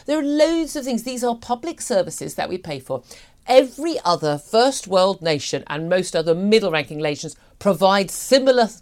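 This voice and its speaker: A woman's voice: medium pitch, very animated, normal speed, a little mellow. A woman hosting a breakfast radio talk show, arguing her views forthrightly with frequent restarts. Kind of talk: opinionated talk radio discussion. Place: radio studio.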